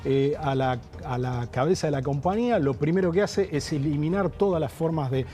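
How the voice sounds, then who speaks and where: A TV interview guest with an Argentine Spanish accent analyzes politics, explaining in a formal, measured manner. His voice sits on the high side and has a mellow quality.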